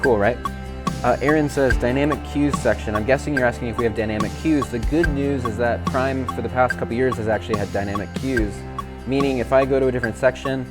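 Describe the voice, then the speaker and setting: A man, a worship leader, walking viewers through app features in a relaxed, chatty way with fillers. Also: mid-range voice, fast talker, loud music behind the voice. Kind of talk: casual software demo. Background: backing tracks playing.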